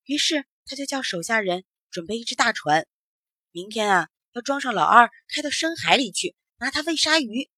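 A woman's voice: on the high side, lively intonation, normal speed, bright, forceful tone, dry recording, clean studio sound. A woman narrating a children's story expressively, acting out sounds as she goes.

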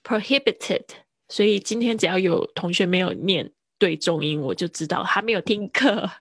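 A woman leads a livestream vocabulary lesson, her fairly low voice carrying a gravelly edge. She mixes English terms into relaxed Chinese explanations, drawing words out slowly to drill them. The sound is close and dry. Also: dry recording. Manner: laughs easily, drawn-out word drills. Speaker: English teacher.

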